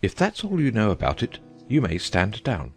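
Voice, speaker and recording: A man voicing a pompous, fretful old king who speaks slowly and gravely. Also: on the low side, huge pitch swings, soft background music. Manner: slow, grave pronouncements.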